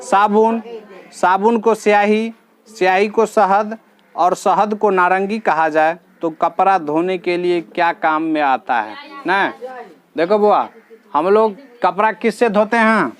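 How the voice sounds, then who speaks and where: A man's voice: sits high, takes it slowly. A male teacher, patiently walking his students through reasoning questions in a classroom and repeating each answer.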